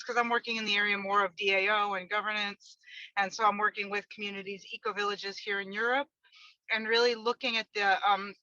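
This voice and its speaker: A woman's voice: mid-range voice, pushed and bright, dry recording, lo-fi sound. A woman talking on a video call through her car's speakerphone while driving, chatty and a little apologetic. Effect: car speakerphone while driving. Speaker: call participant. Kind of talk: casual video-call introduction. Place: a moving car.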